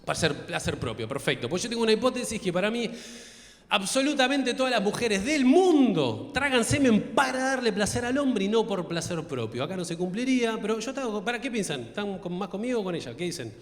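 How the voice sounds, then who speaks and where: A man's voice: high voice, very animated, fairly quick. A young Argentine man doing crude stand-up comedy on a theater stage, working the crowd and acting out voices. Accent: Argentine Spanish. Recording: echoey theater hall.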